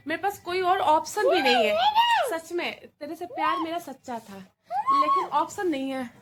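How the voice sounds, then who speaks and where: A woman's voice: extremely high pitch, wildly swooping pitch, moderate pace, very noisy, heavily acted. A woman voicing a desperate, guilty young man who talks anxiously and mutters to himself, in an amateur drama. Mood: pleading apology. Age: young adult.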